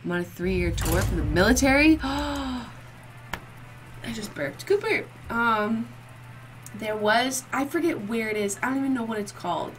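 A woman's voice: fairly high pitch, a little slow, slight background noise. A woman streaming a game, reacting to play with profane, mock-outraged trash talk. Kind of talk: live gameplay commentary.

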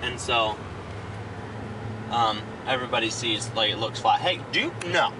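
A young man from Iowa vlogs in a playful, chatty way, his voice rising and falling a lot. Chickens cluck and traffic rumbles loudly behind him. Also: expressive, measured pace. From Iowa, USA. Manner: playful, chatty, jokey with animals. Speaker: vlogger. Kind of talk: casual vlog chat. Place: outdoors on a farm and in a car. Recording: loud background noise from chickens and traffic. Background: chickens clucking, vehicle noise.

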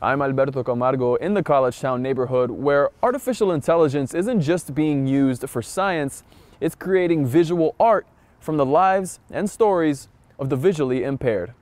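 A man reporting a local news story with a measured, polished delivery. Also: on the high side, a little mellow, no room sound.

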